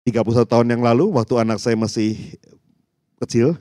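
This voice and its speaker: A man's voice: mid-range voice, a little fast, dry recording, studio quality. A man, telling stories animatedly and calling the congregation "saudara". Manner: animated storytelling, acting out voices, addressing the congregation as "saudara". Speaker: pastor. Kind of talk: sermon.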